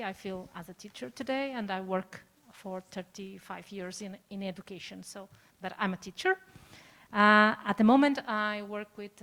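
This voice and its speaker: A woman's voice: medium pitch, a bit bright. A middle-aged woman speaks through a video call mic with a mid-range voice. She is the first speaker in an online panel and talks earnestly, often repeating a word before she goes on. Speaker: input speaker, education director.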